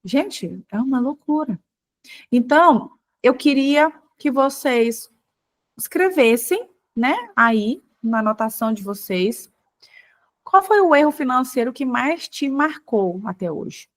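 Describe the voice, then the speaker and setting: A woman's voice: high-pitched, expressive, slow. A Brazilian woman hosting an online class, talking emphatically and stretching out the words she stresses. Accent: Brazilian Portuguese. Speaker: class host and teacher.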